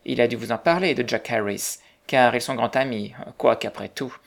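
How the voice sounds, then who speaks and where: A garrulous landlady, voiced by a storybook reader, rattles on in a homely, gossiping way. The voice carries a gravelly rasp. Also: mid-range voice, normal speed, natural voice. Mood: chatty. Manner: chatty, gossiping. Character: talkative motherly landlady.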